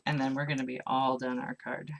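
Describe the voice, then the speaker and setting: Low-voiced woman chatting through a craft demo. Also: little pitch movement, fairly quick, gravelly. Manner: chatty, mumbles to herself while working. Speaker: craft instructor. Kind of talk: live craft class demo.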